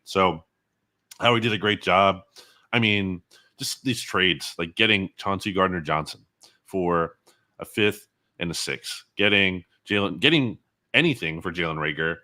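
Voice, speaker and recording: Here a man with a low voice and a bright, forceful delivery offers opinionated, conversational football commentary as an interview guest. He's an analyst who tends to hedge and qualify what he says.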